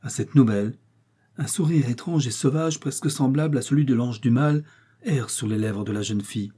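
Give me a man narrating a historical romance in a measured, expressive way. The voice is warm and dark, with a soft husk. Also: mid-range voice, slightly rough. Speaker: audiobook reader. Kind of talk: dramatic novel reading.

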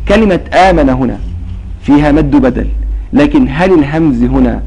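A man's voice: fairly high pitch, expressive, moderate pace, warm tone, husky, rough recording. A man teaching a religious recitation lesson, explaining patiently and quizzing his students with repeated questions. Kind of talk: classroom lesson.

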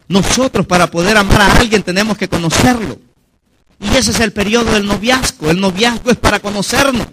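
Delivering a sermon with drama, a middle-aged man from Mexico performs the voices he quotes and shouts out his high punch lines. He speaks a little fast, and the recording is very noisy.

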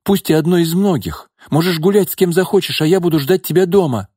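A man voicing a desperate, pleading jilted young woman with shrill emotional outbursts in an audiobook. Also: fast, dark tone, breathy edge, no echo, clean studio sound.

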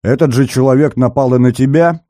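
A man's voice: on the low side, expressive, unhurried, dark tone, dry recording, studio quality. A man voicing a stern male investigator who questions and rebukes in a clipped, commanding way.

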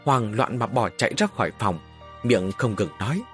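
A man narrating a dramatic story with an expressive, lively delivery. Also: fairly low pitch, moderate pace. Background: faint music.

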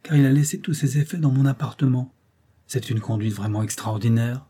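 A man voicing an earnest young gentleman lawyer in an audiobook, speaking gravely and with indignation. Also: mid-range voice, fairly quick, natural voice.

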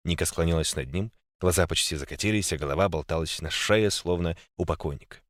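Low-voiced man narrating a story. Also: fairly quick, no room sound, studio quality. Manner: expressive, voices all characters. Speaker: audiobook narrator. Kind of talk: first-person fiction narration.

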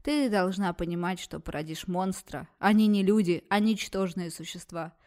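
A woman's voice: lowish voice, normal speed, darkish tone, close to an everyday voice. A woman voicing a scornful, ruthless female doctor who speaks harshly and lectures.

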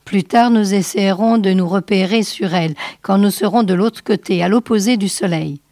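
A woman voicing a nervous male space crewman in a storybook reading, anxious and hushed. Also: medium pitch, moderate pace, no echo, clean studio sound, lightly acted.

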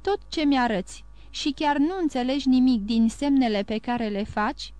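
A woman reading the Count, a calm ironic nobleman. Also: high-pitched, dry recording, natural voice. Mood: probing.

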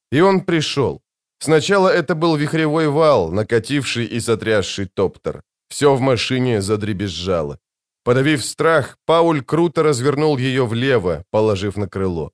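A man reading a novel aloud as an audiobook narrator, in a measured, dramatic storytelling manner. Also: mid-range voice. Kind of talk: scripted narration.

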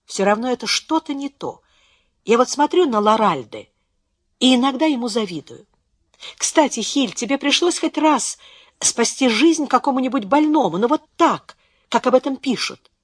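A woman reads a self-mocking young man, lying hurt but keeping his irony. The lines rise and fall in lively swings, and the recording is close and dry with no room sound. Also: on the high side, no echo, voice pushed up. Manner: wry, reflective. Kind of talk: audiobook character reading.

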